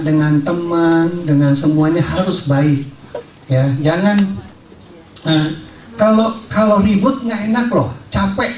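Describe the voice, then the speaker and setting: A high-pitched man gives a lively training talk to a room of salespeople, joking and firing questions at them. He sounds far from the mic, in an echoey room. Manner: jokey, asks the audience questions, acts out scenes.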